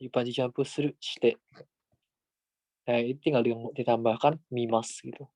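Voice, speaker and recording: Casual male tutor, mid-pitched, dry close sound, talky and informal. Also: steady tone, moderate pace, darkish tone, no room sound. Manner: chatty, informal, many fillers like "gitu". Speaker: Japanese language tutor. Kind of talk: casual online lesson.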